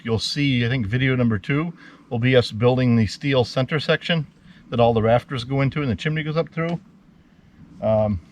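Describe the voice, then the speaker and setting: A man's voice: mid-range voice, slight background noise. Winded man rambling at a building site. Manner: relaxed, rambling, with many fillers. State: out of breath. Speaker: homesteader host. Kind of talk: casual on-site walkthrough.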